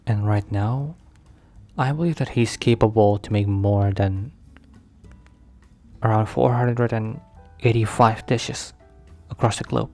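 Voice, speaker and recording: An actor plays a protective mafia boss boyfriend in an intimate ASMR roleplay, his lowish, darkish male voice slow and hesitant. He speaks in a confiding, sometimes breathy, relaxed and teasing way over soft background music.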